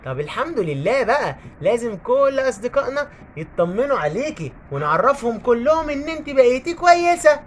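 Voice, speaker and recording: A woman with an Egyptian Arabic accent hosting a kids' channel, coaxing viewers in an animated way. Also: a little high, brisk, a little hiss or hum. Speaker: host of a kids' toy channel. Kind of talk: children's channel call to viewers.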